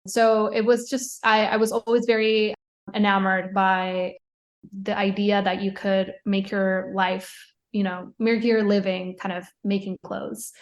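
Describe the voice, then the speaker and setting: She's a young podcast guest from Puerto Rico who writes about fashion, easing through her answers in a laid-back interview. Light laughter comes often, her pitch holds flat and steady, and she keeps restarting and dropping in fillers.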